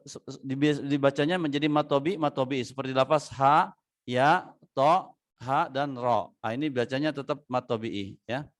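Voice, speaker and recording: A man teaching tajwid in a relaxed, conversational way. He fills his talk with "ya", quizzes his students and drawls out the letters he is teaching. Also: mid-range voice. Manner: explains step by step, asks students questions, many "ya" fillers. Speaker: Quran recitation teacher. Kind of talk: casual tajwid lesson with chanted examples. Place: online class or recorded study session.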